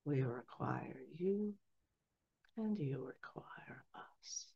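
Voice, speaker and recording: A woman in her sixties speaking as a trance medium, solemnly delivering a spiritual message in measured phrases with long pauses. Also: very deep voice, animated, vocal fry, mellow, breathy edge, dry recording. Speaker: trance channeler. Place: small candlelit room indoors. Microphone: headset boom mic. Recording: dull, lo-fi headset sound.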